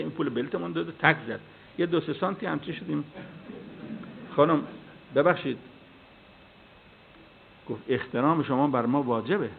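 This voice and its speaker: Male preacher, fairly high voice, lively storytelling sermon, thin phone-like recording. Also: gravelly, a little hiss or hum. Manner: storytelling with acted dialogue, animated. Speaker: cleric and preacher. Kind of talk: sermon with anecdotes. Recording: tinny phone-like sound.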